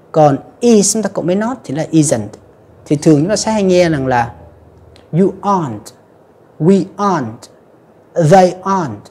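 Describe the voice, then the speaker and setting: A woman's voice: sits low, warm tone, slightly rough. A woman teaching an English grammar lesson in a chatty, casual way, often addressing her viewers directly. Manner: chatty, repeats "các bạn" and "ha".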